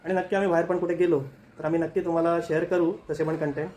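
A man's voice: fairly high pitch, level tone, very fast, darkish tone, slight background noise. A man co-hosting a family vlog, earnestly asking viewers for feedback and support. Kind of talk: casual talk to viewers.

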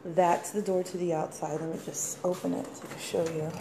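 A woman's voice: fairly low pitch, little pitch movement, brisk, creaky, heavy background noise. A young woman vlogger giving a casual walking tour of her apartment, rambling with lots of "like" fillers, filmed on a handheld phone. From Washington DC area. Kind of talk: casual house tour vlog. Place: apartment indoors, walking room to room. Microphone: handheld phone camera.

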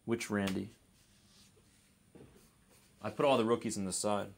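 Low-ish and gravelly, his voice stays fairly even and moves a little slowly, with slight background noise present. He keeps up relaxed commentary during a live card break while doubting how some names are said.

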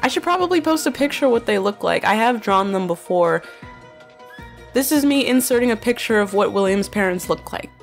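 A young woman answers fan questions in a casual chat, chatty and peppering her speech with "like" and "bro." Her medium-pitched, slightly nasal voice is animated and brisk, with soft music playing in the background.

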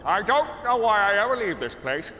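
The Grinch, a spiteful green hermit. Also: male voice, high-pitched, big pitch swings, brisk, slight background noise, exaggerated voice, poor audio. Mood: sardonic. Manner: sneering, theatrical, leaps from mutters to yells. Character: grouchy green male hermit creature, sarcastic and spiteful. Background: film score music.

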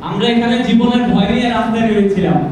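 A young student speaker giving a fiery, exhorting speech into a handheld mic at an indoor meeting. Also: male voice, very high voice, fast, a little hiss or hum. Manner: fiery, exhorting, rising to shouts. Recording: echoey hall, mic at a distance, crowd behind.

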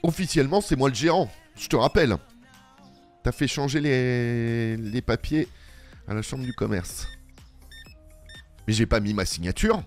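In this improvised role-play commentary, a man plays a shop game as a cashier, bantering playfully with customers and a boss who can't be heard. His mid-range voice is unhurried, with long pauses, over soft background music.

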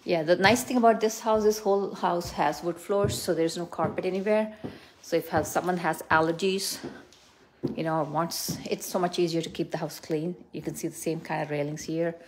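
A middle-aged real estate agent with a lowish voice, steady tone and moderate pace walks through a house indoors, giving a casual, unscripted tour and upbeat praise for what she shows. It was recorded on a handheld phone, so the audio is rough with a little hiss or hum.

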